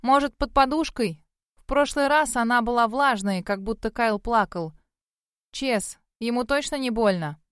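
A woman voices a flustered young heroine, pitched a little high and quick to snap back. She sounds defensive and exasperated, with a dry, close sound. This is a storybook character brought to life with a sharp tongue. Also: smooth, dry recording. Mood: anxious. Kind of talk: audiobook character voice.

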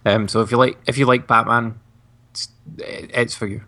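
A man's voice: medium pitch, level tone, moderate pace, sharp tone. A man co-hosting a podcast, chatting casually, laughing often and repeating words as he talks. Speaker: podcast co-host.

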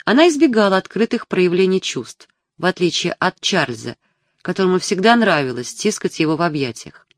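An audiobook narrator reading literary prose in a measured, even storytelling manner. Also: mid-range voice, no room sound, studio quality.

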